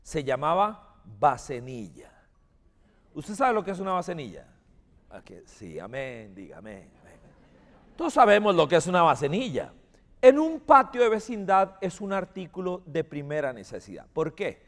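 A man's voice: a little high, normal speed, in a large hall. A man preaching a sermon, telling a personal story and leading prayer, calling on listeners to say amen. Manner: animated storytelling, calls for amens. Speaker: pastor.

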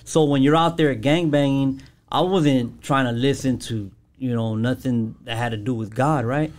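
A man speaking as a podcast guest in a casual, personal way, halting and searching for words in loose slang. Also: mid-range voice, a little mellow, slight background noise. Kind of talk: casual chat, personal testimony.

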